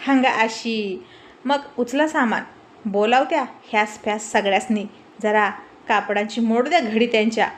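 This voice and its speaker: A woman voicing a bossy, quick-witted village man who orders hotel staff around, scolding and teasing in a commanding tone. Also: a little high, close to an everyday voice. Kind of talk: storybook reading with character voices.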